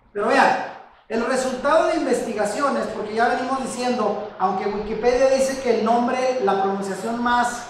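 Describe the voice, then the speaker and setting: A man teaches his listeners in a relaxed sermon, throwing them questions and calling them brother. He sounds far from the microphone, and the room echoes heavily around him. A faint noise runs underneath. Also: extremely high pitch. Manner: asks rhetorical questions, addresses listeners as brother. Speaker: religious teacher. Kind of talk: conversational sermon.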